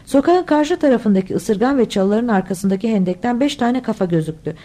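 A woman's voice: fairly high pitch, expressive, a little fast, warm tone. A woman reading a children's adventure novel aloud as an audiobook, voicing all the characters herself. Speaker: audiobook reader. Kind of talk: scripted audiobook narration.

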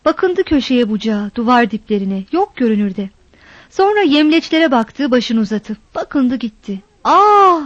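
A woman reading a story aloud in a measured storytelling delivery, in a dull, dry recording. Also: fairly high pitch, very animated, darkish tone, no echo. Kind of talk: scripted narration.

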